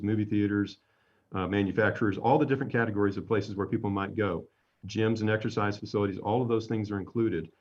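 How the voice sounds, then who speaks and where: A man answering reporters' questions at a city press briefing in a measured, slightly wry manner. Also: lowish voice, darkish tone. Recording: dull lo-fi audio.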